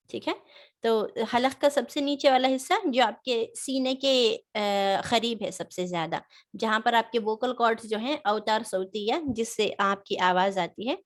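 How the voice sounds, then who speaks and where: A woman gives an online tajweed lesson. She explains patiently and pauses often on fillers. She draws out each demonstrated sound slowly. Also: mid-range voice. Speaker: Quran reading teacher.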